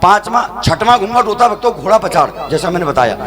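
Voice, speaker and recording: A man's voice: sits high, animated, fast talker. A man from Agra, a devotional night-vigil singer and compere, telling comic stories to a live crowd in a chatty, joking way and often laughing. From Agra, India. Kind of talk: comic storytelling to a live audience. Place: outdoor or tented stage at a religious night vigil. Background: live band music.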